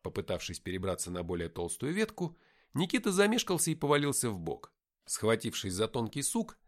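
A man narrates a first-person adventure audiobook at a middle pitch. His intonation climbs and dips a lot. He tells the story with a dry, wry humor.

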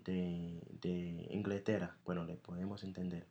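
A man with an American accent whose voice sits low and whose speech moves slowly. He is a native English speaker who keeps stopping to search for the right words in casual conversation. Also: little pitch movement, warm tone, muffled recording. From United States. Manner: hesitant, searching for words as a learner. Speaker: podcast co-host.

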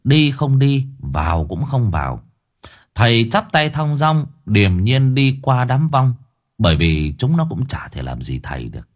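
A man narrating a ghost story in an expressive, lively storytelling manner. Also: mid-range voice, measured pace. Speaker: audiobook narrator.

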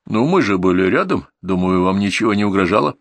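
A man voicing a cool-headed police detective who reasons calmly and without hurry. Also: lowish voice, no room sound. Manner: composed, unhurried reasoning.

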